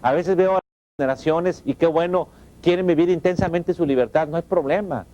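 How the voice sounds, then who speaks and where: Emphatic Mexican man, mellow voice. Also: a little high, brisk. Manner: emphatic and conversational, with rhetorical questions. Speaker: professor giving a talk. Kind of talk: motivational talk on family values. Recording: dull lo-fi recording.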